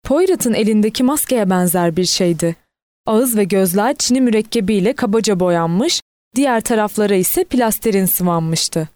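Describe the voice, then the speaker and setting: Woman narrating an audiobook, mellow tone. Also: medium pitch, moderate pace, no room sound. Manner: steady storytelling, lightly voicing quoted characters.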